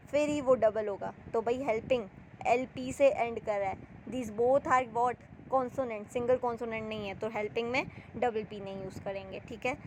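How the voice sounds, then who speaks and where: High-pitched woman teaching spelling rules. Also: slight background noise, rough recording. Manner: explains in Hindi with English terms, asks and answers own questions. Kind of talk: spelling lesson.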